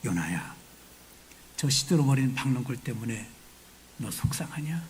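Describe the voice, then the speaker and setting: A man voicing God as he gently reproves a sulking prophet, with questioning and pleading speech. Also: mid-range voice, sing-song, moderate pace, slight background noise, voice pushed down, close to an everyday voice. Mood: reproving, pleading.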